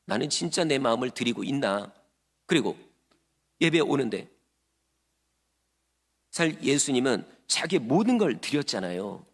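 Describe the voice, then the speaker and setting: A man preaching a sermon as a pastor, emphatic, dropping to hushed lines and acting out the voices of churchgoers. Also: mid-range voice, big pitch swings, normal speed, long pauses, in a large hall.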